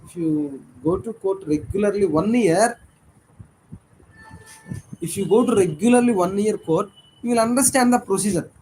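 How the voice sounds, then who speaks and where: A man's voice: high-pitched, moderate pace, pauses often, dark tone, a little hiss or hum, rough recording. A man from South India with a Telugu accent, talking informally as an advocate and repeating words emphatically. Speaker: tax litigation advocate. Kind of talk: informal professional discussion.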